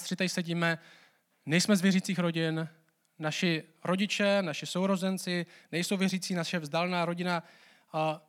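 A young man from the Czech Republic giving a casual, conversational sermon as pastor, telling lively stories with asides. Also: high-pitched.

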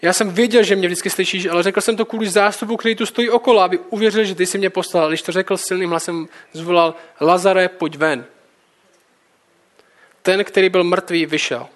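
Male preacher, high-pitched, alternates Bible reading with relaxed everyday commentary. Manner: reads scripture, then comments casually.

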